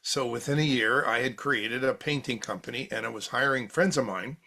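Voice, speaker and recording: An older American man appears as a podcast guest in a casual storytelling interview, chatting through rambling tales from his youth and laughing at his own jokes. His mid-range voice is creaky and sharp in tone, moving at a normal speed.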